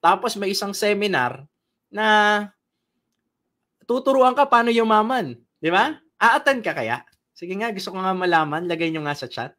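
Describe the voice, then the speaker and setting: A man's voice: high voice, animated, moderate pace, long pauses, a bit bright. A man leading an online training session, telling a story, asking the audience questions and laughing at his own tale.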